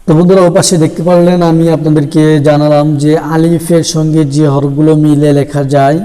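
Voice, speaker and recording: Guy slowly teaching arabic letters, dark smooth voice, long hall echo. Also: on the high side. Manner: slow, even, drawn-out delivery, letters chanted one by one. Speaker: Quran reading teacher. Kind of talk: slow step-by-step lesson, reciting Arabic letters.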